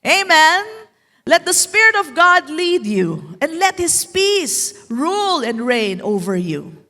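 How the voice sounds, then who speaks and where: Bright, high-voiced Filipino woman preaching. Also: very animated. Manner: mixes English and Tagalog, drawn-out emphasis, playful asides. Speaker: pastor. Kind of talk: sermon. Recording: echoey hall.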